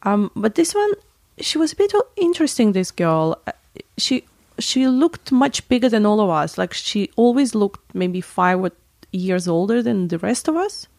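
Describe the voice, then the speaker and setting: Woman rambling thru a story, gravelly voice, dry close sound. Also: mid-range voice, very animated, normal speed, darkish tone, no echo. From Latvia. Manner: rambling, self-correcting, laughs often. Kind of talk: casual chat.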